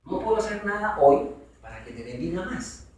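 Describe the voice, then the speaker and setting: A man's voice: high-pitched, animated, normal speed, darkish tone. A man teaching a Bible study to a congregation in a conversational way, asking his listeners questions. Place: church hall. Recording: very echoey hall from far off.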